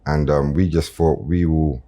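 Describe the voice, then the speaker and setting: A man's voice: a bass voice, fairly even intonation, measured pace, dark tone. A man with a South London roadman accent chatting casually as a guest rapper on a podcast, using plenty of street slang. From Brixton, South London. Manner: street slang with frequent tags like "innit" and "you know what I'm saying".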